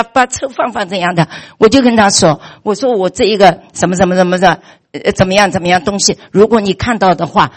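Animated middle-aged woman. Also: fairly high pitch. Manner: animated, repeats words and restarts often. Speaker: vlogger. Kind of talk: casual personal storytelling.

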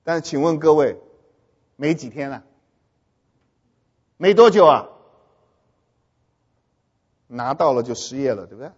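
A man giving a humorous talk to an audience, animated and often stopping to ask whether his listeners have understood. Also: a little high, unhurried, long pauses, slightly rough. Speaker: speaker addressing an audience. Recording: dull long-reverb hall recording.

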